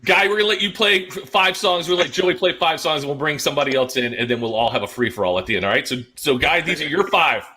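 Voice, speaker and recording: A man running a music trivia game on a video call, brisk and upbeat. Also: fairly high pitch, expressive, sharp tone, slight background noise. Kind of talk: casual game hosting.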